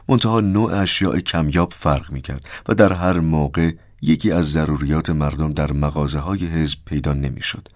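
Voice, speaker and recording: Super deep guy reading an audiobook, calm and measured, dry close sound. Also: no echo. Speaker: narrator.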